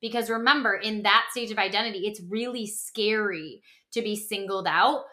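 Co-hosting a podcast, a woman explains ideas casually and with emphasis, sounding animated as she throws in rhetorical questions and acts out quotes. Her voice is mid-range and her speed normal.

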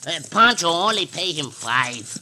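A cowardly, lovable comic sidekick with a Mexican accent in an old radio western. He stammers in broken English in a high, very bright voice that swoops about. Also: big pitch swings, unhurried, exaggerated voice. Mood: earnest. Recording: faintly noisy old radio recording.

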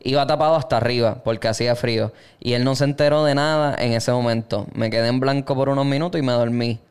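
A man's voice: mid-range voice, steady tone, fast talker, clear, resonant tone. Podcast co-host, young man, Puerto Rican accent, clean resonant tone, slangy storyteller. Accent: Puerto Rican Spanish. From Puerto Rico. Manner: slangy, profane banter. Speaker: podcast co-host reading listener stories. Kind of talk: casual chat, reading stories aloud.

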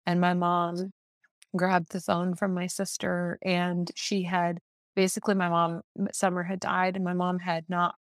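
Low, flat-voiced woman recalling a loss. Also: no room sound, clean studio sound. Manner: reflective, halting, many fillers and restarts. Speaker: podcast guest. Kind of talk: personal story in an interview.

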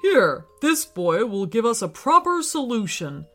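A big jungle animal from a children's story, voiced by a woman narrator, speaking slowly and deliberately. The pitch still moves expressively, and gentle music plays behind. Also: big pitch swings. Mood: calm, wise. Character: big wise gorilla, later a vain lion.

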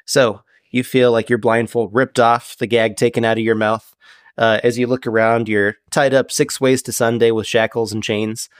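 A man narrating a tabletop game as game master, relaxed and descriptive, with many fillers. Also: mid-range voice, normal speed, clean tone, no echo, clean studio sound.

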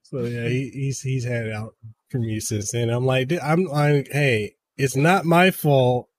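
A man in his thirties, a game reviewer guesting on a podcast, talking in an excitable way and often stumbling over repeated words. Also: medium pitch, a little slow. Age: 30s. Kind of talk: casual podcast chat.

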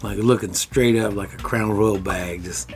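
A man's voice: fairly low pitch, fairly even intonation, normal speed, faint music behind. A man co-hosting a casual podcast, joking around and breaking into playful sing-song bits. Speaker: podcast co-host. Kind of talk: casual chat.

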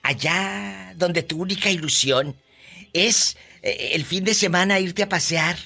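A Mexican woman hosting a comic call-in radio show, grandiose and theatrical, breaking into booming shouts. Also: measured pace, creaky, slightly rough.

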